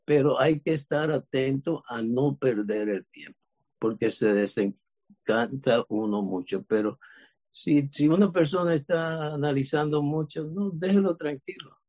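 Husky guy telling church friends a story, does everyone's lines. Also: medium pitch, unhurried. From Cuba. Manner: lively retelling, acts out quoted dialogue. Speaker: church member sharing testimony. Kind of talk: casual storytelling testimony.

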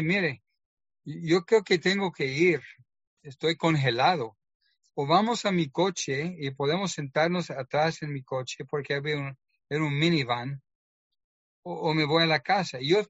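Preacher, male, slow and deliberate storytelling sermon, dry muffled recording. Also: a little high, a bit bright, slightly rough, dry recording. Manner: storytelling, acts out quoted dialogue. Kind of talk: sermon with personal testimony.

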